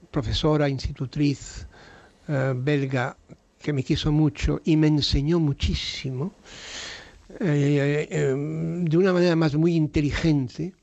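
Older man with a gravelly voice. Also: a little high, mellow, no room sound, lo-fi sound. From Spain. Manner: storytelling, frank and salty, with restarts. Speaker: radio guest. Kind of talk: radio interview.

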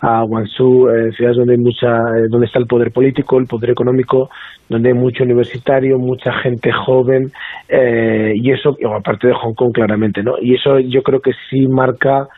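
A male professor of international relations, heard over a telephone line as a guest on a radio talk show, explaining in a measured way and often ending sentences with a questioning "right?". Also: mid-range voice, little pitch movement, breathy edge, no echo. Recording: tinny phone line.

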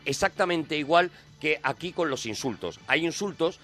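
Spanish guy on the radio, kinda high voice, lots of "eh" while he explains, faint music behind. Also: expressive, normal speed, a bit bright. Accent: Spain Spanish. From Spain. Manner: explanatory, many fillers and restarts. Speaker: radio show co-host. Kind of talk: casual radio chat.

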